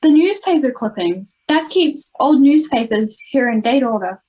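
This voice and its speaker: An Australian girl of ten or eleven plays an earnest, urgent schoolgirl adventurer in an amateur radio play, sounding alarmed. Her voice is high-pitched, expressive, and mellow at normal speed, captured on a rough home video-call recording.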